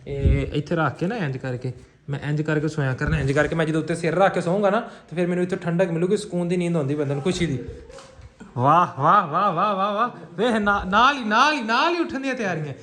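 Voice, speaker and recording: Young punjabi guy joking around with his mom, fast, high voice, echoey room. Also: a little hiss or hum. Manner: teasing, swings between loud and low. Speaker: vlogger son. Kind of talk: family prank vlog banter.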